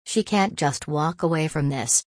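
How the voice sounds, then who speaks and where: A woman's voice: low voice, lively intonation, a little slow, a little mellow, dry recording, clean studio sound. A woman voicing a frightened young mother who speaks urgently and pleadingly. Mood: firm.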